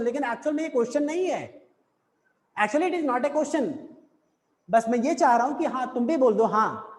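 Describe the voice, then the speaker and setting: A man with a very high voice teaches a class, explaining patiently and repeating example sentences several times. His voice rings in a hard room with a long, echoing tail. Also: darkish tone. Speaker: school English teacher. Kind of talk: classroom lesson on intonation. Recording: echoey room with long reverb.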